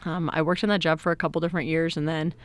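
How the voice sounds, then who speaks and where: A woman's voice: deep voice, little pitch movement, very fast, dry recording. A woman in her thirties, a guest in an interview, talking casually and cheerfully about her work and studies, often laughing. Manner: upbeat, laughs easily, explains at length. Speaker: guest, IT director.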